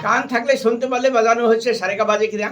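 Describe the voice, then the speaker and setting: Recorded from afar with loud music behind him, a man speaks with an extremely high, steady voice at a very fast pace and a Bengali accent. Teaching harmonium and keyboard, he stresses points again and again with stern reminders. He names and sings note syllables while playing.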